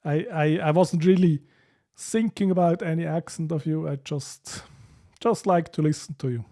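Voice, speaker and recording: A man from Switzerland, speaking with a Swiss accent, hosts a casual stream where he reads viewer comments, laughing frequently amid hesitant, filler-laden speech. His voice is fairly high and mellow, steady in tone at a moderate pace.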